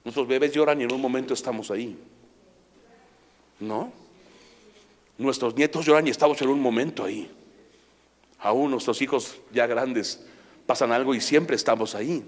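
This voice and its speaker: A man's voice: mid-range voice, moderate pace, long pauses. A man with a Mexican Spanish accent preaching a sermon as pastor, impassioned and full of rhetorical questions. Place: church sanctuary. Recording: long church hall reverb.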